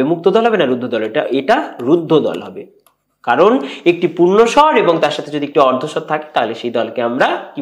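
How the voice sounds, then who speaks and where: A man with a fairly high voice and a West Bengal accent teaches an online lesson. He runs down likely exam questions one after another, moving briskly between topics. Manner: rapid question-by-question rundown with frequent "আচ্ছা".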